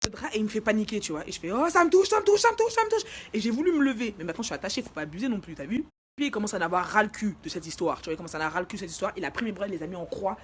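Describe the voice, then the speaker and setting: A young woman tells a personal story straight to camera in quick, slang-heavy speech. She races through it and bursts into shouts when she acts out the wild parts. A faint background hum sits under her voice. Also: medium pitch, lively intonation. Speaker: vlogger telling a personal story. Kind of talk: casual story time.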